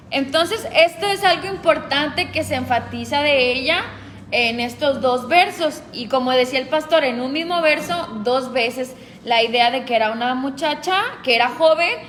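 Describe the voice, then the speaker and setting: A woman's voice: high-pitched, normal speed, a bit bright, in a large hall, a little hiss or hum. A woman leading a group Bible study, explaining patiently and asking the group questions.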